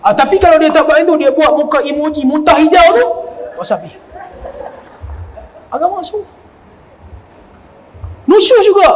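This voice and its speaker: Man preacher, high voice, lively and joking, acts out the people he quotes. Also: poor audio. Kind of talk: religious lecture.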